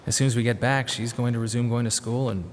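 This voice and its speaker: An actor with a mid-range voice and fairly even intonation lightly plays a grieving, restless young father in a radio drama, serving as narrator and protagonist. His narration and dialogue are halting and reflective, earnest and awkward in a wistful way. The hall is reverberant, with faint background noise.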